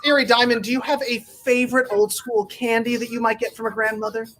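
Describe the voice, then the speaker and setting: A woman hosting a live comedy game show, bubbly and animated, laughing often. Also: fairly high pitch, fast, low-quality recording.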